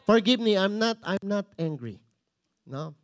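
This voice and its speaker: A man with a Filipino English accent and a strikingly high voice, preaching a church sermon. He talks with passion and rises to a shout at times. He keeps teasing and bantering with the congregation. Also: animated, unhurried. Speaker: pastor. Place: church service before a congregation.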